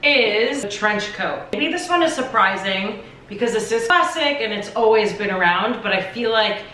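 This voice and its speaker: A woman's voice: medium pitch, normal speed, bright, forceful tone, soft background music. A young adult woman chatting casually through a fashion styling vlog, upbeat and full of filler "like"s. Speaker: fashion vlogger. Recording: echoey room, distant mic.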